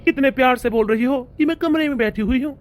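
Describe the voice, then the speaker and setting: A man's voice: very high voice, quick pace, slight background noise. A man playing a stern young husband. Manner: stern and lecturing toward his wife. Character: young husband caught between his wife and his mother.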